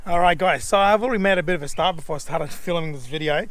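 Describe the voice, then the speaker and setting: Standing outside next to a vehicle, an Australian man hosts a do-it-yourself how-to vlog, chatty and casual like he's talking to a mate. He speaks fast in a fairly high, fairly bright voice, captured by an action camera with clear outdoor background noise.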